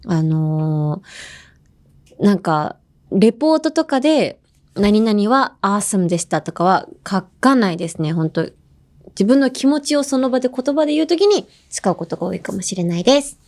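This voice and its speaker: A young woman hosting a language-learning podcast, chatting casually and explaining how words are used with quick examples. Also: medium pitch, very animated, a little mellow. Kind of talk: casual bilingual lesson chat.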